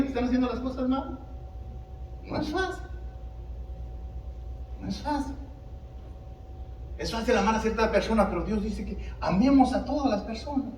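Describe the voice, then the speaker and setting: Animated preaching man in an echoey church. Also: extremely high pitch, far from the mic, a little hiss or hum. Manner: animated preaching with rhetorical questions to the congregation. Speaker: pastor. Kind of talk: sermon. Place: church sanctuary.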